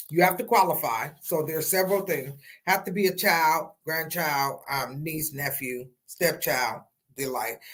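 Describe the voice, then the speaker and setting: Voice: medium pitch, fairly bright tone. A host giving tax tips in an informal live-stream explainer, talking conversationally and checking in with listeners as they go. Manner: conversational, checks understanding with "right?" and "okay?".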